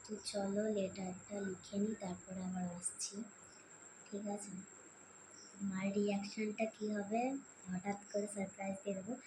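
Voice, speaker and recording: A young woman vlogging quietly at home at night, speaking in a hushed voice and sometimes whispering. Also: medium pitch, flat delivery, noisy background. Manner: talks softly and hushed, dropping to whispers; slow reading of her letter aloud, louder. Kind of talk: quiet night-time vlog chat.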